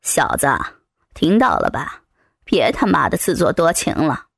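Clean studio audio with no room sound captures a woman pushing her voice down to play a crude, domineering adult male thug who swears and barks orders. Her delivery is very animated, low and at normal speed, with a gruff, bullying, coarse mood.

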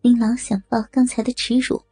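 Husky woman reading a story. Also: fairly high pitch, little pitch movement, a little fast, dark tone, dry recording, faint music behind, low-quality recording. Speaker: narrator. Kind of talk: audio erotic story narration.

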